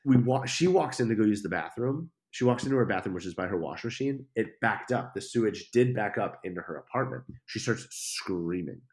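A man's voice: lowish voice, brisk, few pauses. A young man, a podcast guest, telling a story casually, swearing and acting out the people in it. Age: young adult. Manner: animated, swearing, acts out quoted lines.

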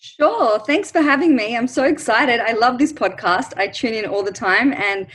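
A woman's voice: fairly high pitch, moderate pace, fairly bright tone, low-quality recording. A woman from Australia, talking eagerly as a podcast guest over a video call. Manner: bubbly and enthusiastic. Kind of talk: casual interview.

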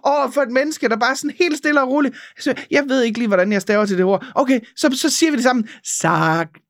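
A woman co-hosting a podcast in casual chat, ranting in an animated, exasperated way and swearing freely. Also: high voice, no echo, studio quality. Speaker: podcast co-host.

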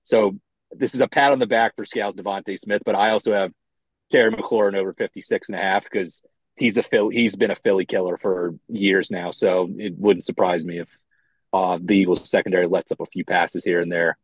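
A man's voice: low-pitched, fairly even intonation, brisk, dry recording. A man talking over a phone line from inside a parked car, chatting loosely as a podcast co-host, rambling and swearing casually. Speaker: co-host of a sports betting podcast. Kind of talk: casual chat.

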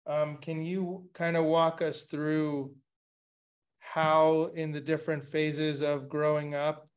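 This podcast host, a middle-aged man from Latin America, conducts interviews by video call from his living room, posing lengthy questions with frequent restarts. His delivery is slow and flat, his pitch fairly high.

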